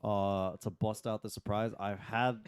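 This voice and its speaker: A man hosting a casual group podcast in a studio, excitable and swearing freely. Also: on the low side, unhurried, clear, resonant tone. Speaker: podcast host. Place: studio with close mics.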